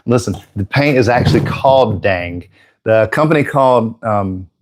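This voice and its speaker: A man's voice: mid-range voice, a little hiss or hum. A man hosting a live airbrush painting stream, chatting casually and joking with viewers, slightly out of breath.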